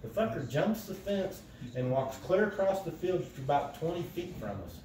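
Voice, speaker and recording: A man with a higher-pitched voice, speaking at normal speed, tells stories in casual, heavily profane chat, acting out quotes with animation. A phone across the living room picks him up, so the sound is roomy and distant, with slight noise and background chatter.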